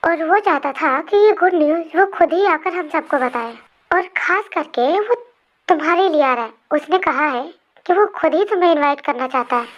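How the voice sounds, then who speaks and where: A woman's voice: high-pitched, normal speed, highs cut off, natural voice. A woman voicing an overworked sister-in-law who complains and scolds the family, in a fan storybook reading. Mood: scolding. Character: nagging sister-in-law, busy homemaker.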